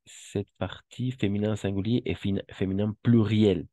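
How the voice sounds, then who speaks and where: Slow, deep-voiced French teacher. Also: male voice, steady tone, warm tone, no echo. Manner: slow, patient, repeats words for drilling. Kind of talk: classroom lesson.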